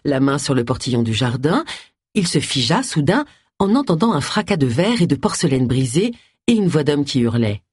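Woman audiobook narrator, husky low voice, lively intonation, dry close recording. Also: normal speed, dry recording.

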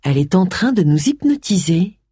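A reader voicing a brisk, direct young woman detective in an audiobook, in a dry, close recording. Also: mid-range voice, very animated, mellow, husky, no room sound, voice pushed up.

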